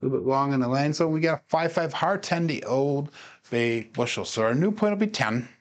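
Brisk and mid-range in voice, the craps practice streamer sounds tired as he chats casually with viewers between throws. He keeps coaching himself and laughs a lot.

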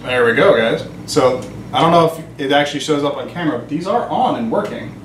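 A man's voice: a little high, animated, fairly quick, faint music behind. A man in his thirties, a shop owner, chatting upbeat in a casual how-to vlog as he works on his shop and explains each step. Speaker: shop owner filming a renovation. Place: shop workroom with low ceiling, indoors. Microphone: on-camera mic, camera at arm's length or set on a stand. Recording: roomy echo.

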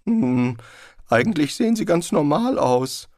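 A man's voice: on the high side, sing-song, a little slow, darkish tone, dry recording, clean studio sound, voice pushed up. A man reading an audiobook, voicing a nervous, bluffing male wizard who defends his pride with flustered bluster.

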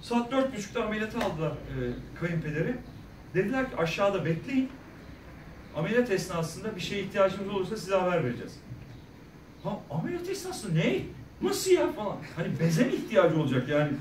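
A middle-aged man is a guest at a school career day, telling students lively stories, acting out the voices of people he quotes and joking with the crowd. His voice sits high and moves fast. He's far from the mic in a large, echoey school hall, with a little hiss or hum.

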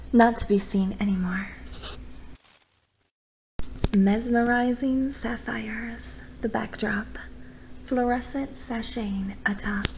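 A woman reads a poetic bedtime story in a breathy, half-whispered voice, intimate as if right in your ear, with deliberate pauses. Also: a little high, darkish tone, a little hiss or hum, rough recording. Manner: slow, deliberate phrasing with pauses.

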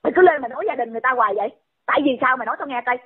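A woman's voice: high-pitched, racing, husky. A woman, scolding someone in a heated rant and firing off repeated insulting questions. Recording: tinny phone-line audio.

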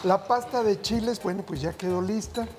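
This middle-aged man's voice is high and his speed normal. Hosting a TV cooking show from a studio kitchen set, he explains every step while chatting with viewers like family, backed by background music.

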